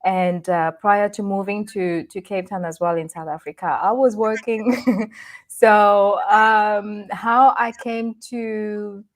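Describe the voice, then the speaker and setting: A woman's voice: mid-range voice, fairly even intonation, slow pace. Interview guest: woman from Rwanda, 30s, bubbly and chatty, lots of laughter and restarts. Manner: cheerful, laughs often, many restarts. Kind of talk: casual interview chat.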